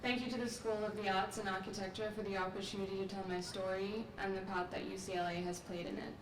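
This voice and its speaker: At a commencement held in a large outdoor courtyard, a young woman from Sri Lanka gives the graduate speech into a podium mic. Medium-pitched and flat, she speaks in a measured, earnest, reflective manner, captured in a distant, echoey, noisy recording.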